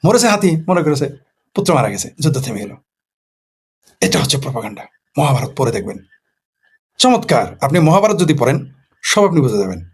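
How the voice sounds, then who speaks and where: A man's voice: a little high, sing-song, brisk, long pauses, husky. A man from Bangladesh, a political commentator in a casual late-night monologue who poses rhetorical questions and answers them himself.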